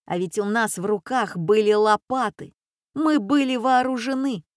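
A woman's voice: a little high, moderate pace, no room sound, clean studio sound, close to an everyday voice. A woman voicing an anxious, caring boy worried about his little sister. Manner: anxious, upset.

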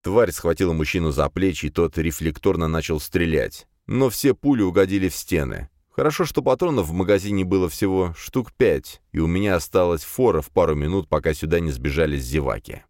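Deep-voiced male audiobook narrator. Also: animated, a little fast, few pauses, darkish tone, no echo, clean studio sound.

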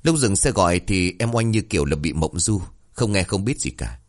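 A man voicing a calm, polite young rural policeman in a read-aloud story. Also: sits low, normal speed. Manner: polite, reasonable.

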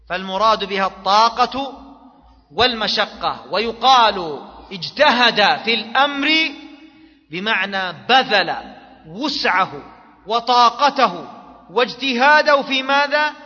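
A man's voice: sits high, pushed and bright. A man teaching a class as a religious scholar, posing fill-in questions to his students and repeating key words. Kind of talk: classroom lecture on jurisprudence. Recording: dull lo-fi recording in an echoey hall.

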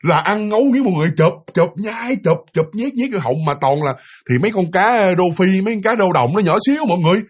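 Husky, fairly high man telling a ghost tale vividly to his listeners. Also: fast talker, hardly any pauses, muffled recording. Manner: lively, vivid, speaks directly to listeners. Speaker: storyteller. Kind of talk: casual spoken ghost story.

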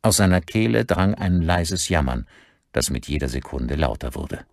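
A man narrating a thriller audiobook in a measured, expressive storytelling manner, recorded close in a studio. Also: very deep voice, vocal fry, no room sound.

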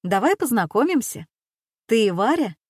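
A woman reading as a brisk, cheerful young woman. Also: a little high, sing-song, husky, no room sound, studio quality, pitched above the performer's own voice, full character voice. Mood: friendly. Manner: brisk, upbeat, gently coaxing.

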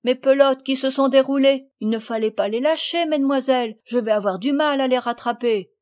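A woman reading aloud voices a blunt, matter-of-fact male gamekeeper who speaks loudly. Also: high voice, a little fast, pitched above the performer's own voice, natural voice.

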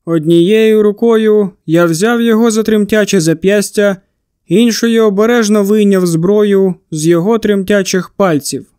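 A man's voice: high-pitched, steady tone, a little slow, mellow, clear, resonant tone, no room sound. A man narrating a novel in the first person in a tense, dramatic reading on a close studio mic. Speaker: audiobook narrator.

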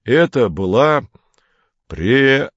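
A man reading aloud, voicing a calm, firm teenage boy who speaks in a measured way. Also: medium pitch, no echo, muffled recording, pitched above the performer's own voice.

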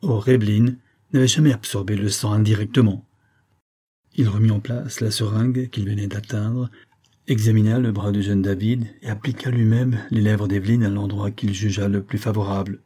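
Dark, husky male audiobook narrator. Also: fairly low pitch, steady tone, moderate pace. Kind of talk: scripted narration.

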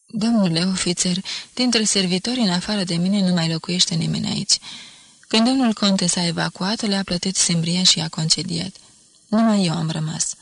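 A woman reading an audiobook, voicing an old grieving male castle steward who speaks in a tearful, pleading, softly sorrowful way. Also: on the low side, gravelly, breathy edge, full character voice. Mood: earnest.

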